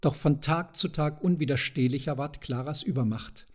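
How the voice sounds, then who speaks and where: Man narrating a classic novella. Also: on the high side. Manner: measured, expressive storytelling. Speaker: audiobook narrator. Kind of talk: literary audiobook reading.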